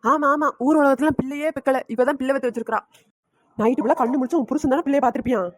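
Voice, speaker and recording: A woman's voice: rapid-fire, no echo, studio quality. A woman voicing a nagging, sarcastic middle-aged mother-in-law in a cartoon. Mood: scolding. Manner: scolding, sarcastic, shrill. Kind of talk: cartoon voice acting.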